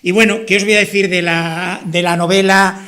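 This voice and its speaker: A man's voice: high voice, flat delivery, moderate pace, bright, forceful tone. A man from La Mancha in Spain, an author giving an informal, rambling talk at his book presentation, with frequent restarts and tag questions.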